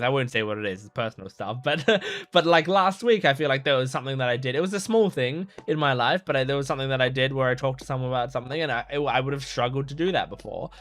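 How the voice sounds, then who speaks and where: In a fairly bright, mid-range voice, a man hosting an anime reaction channel gives relaxed, thoughtful commentary. His delivery wanders, packed with "like" and restarted phrases, but he's clearly sincere.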